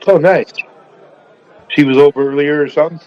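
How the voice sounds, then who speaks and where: A man's voice: fairly high pitch, steady tone, moderate pace, some chatter behind. A man chatting and joking as a guest on a call-in stream, his voice tinny through the call line. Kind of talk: casual chat. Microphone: remote call audio.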